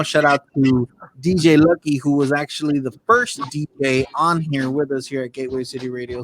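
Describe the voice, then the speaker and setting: A man hosting an online radio show, talking casually in chummy street slang and giving shout-outs. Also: mid-range voice, slight background noise, low-quality recording. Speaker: show host.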